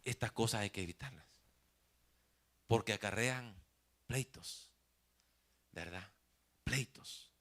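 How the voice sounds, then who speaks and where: A man's voice: on the low side, slow pace, pauses often. A man from El Salvador, a pastor telling stories in a Sunday sermon and often addressing the congregation as "brother". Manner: animated storyteller, often says "mi hermano". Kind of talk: sermon with storytelling. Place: church.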